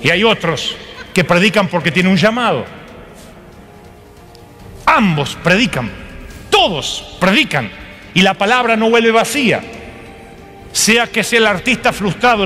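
A man preaching an animated sermon to a church, acting out voices with humor. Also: high voice, moderate pace, pauses often, big-room sound, soft background music.

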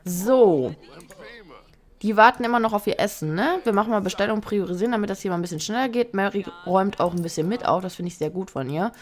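A woman's voice: mid-range voice, fast. A woman giving casual let's play commentary, chatty, reading menu options aloud and adding teasing asides.

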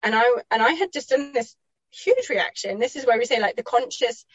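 Woman, higher voice, chatty and reflective, laughs often, dull lo-fi sound, dry. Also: lively intonation, fairly quick, slightly rough, dry recording. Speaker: parenting mentor guest. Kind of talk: reflective personal storytelling.

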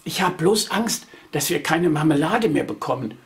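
A man voicing a small, worried, green-haired storybook creature in a whispered role-play, high and hushed. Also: expressive, normal speed, gravelly. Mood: anxious, longing.

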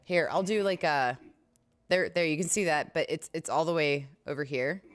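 A woman's voice: low-pitched, moderate pace. A woman hosting a casual livestream, chatty and giggly, often breaking off mid-sentence. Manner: giggly, chatty, self-interrupting. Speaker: livestream host. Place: home streaming setup.

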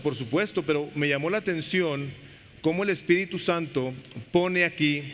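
A male pastor preaches with animated swings between hushed low phrases and loud, high bursts, asking the congregation questions as he goes. His voice sits fairly high for a man. The recording carries a long church reverb and a dull, lo-fi sound. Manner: talks directly to the congregation with rhetorical questions. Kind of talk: sermon. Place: church sanctuary.

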